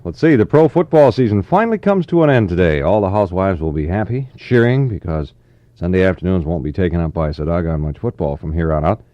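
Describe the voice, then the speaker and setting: A deep-voiced American DJ on 1960s middle-of-the-road radio talks fast and expressively in an easygoing, folksy manner. He's in a radio studio, and the recording is a dull, roomy 1960s AM aircheck.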